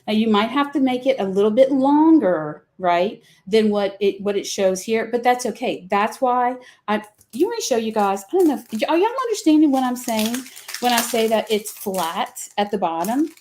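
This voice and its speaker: A woman's voice: on the high side, lively intonation, moderate pace, darkish tone. Chatty Southern woman demoing crafts. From American South. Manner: chatty, folksy, explains with many fillers. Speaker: craft company host. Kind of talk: live product demo.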